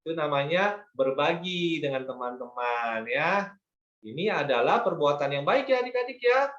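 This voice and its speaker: A man's voice: fairly high pitch, expressive, normal speed, fairly bright tone, roomy sound, muffled recording. A man teaching an online Sunday school lesson to children, patient and coaxing, often asking them to agree.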